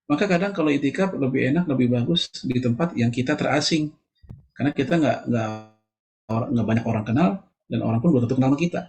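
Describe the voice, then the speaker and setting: A man's voice: quick pace, faint music behind. A middle-aged man giving a casual religious lecture, conversational, with joking asides and frequent filler words. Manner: lively pitch jumps for emphasis. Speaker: Islamic preacher.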